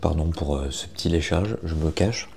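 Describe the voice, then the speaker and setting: Young dude, deep croaky vocal fry, chatty morning vlog, bit of background hiss. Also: male voice, normal speed. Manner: informal, slangy, self-deprecating. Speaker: vlogger. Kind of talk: casual morning vlog chat.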